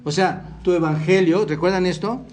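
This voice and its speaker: A Mexican pastor delivers a sermon in a church hall, earnestly quoting scripture and posing questions to the congregation. His voice sits high and is somewhat dark in tone, moving at a normal speed over soft background music.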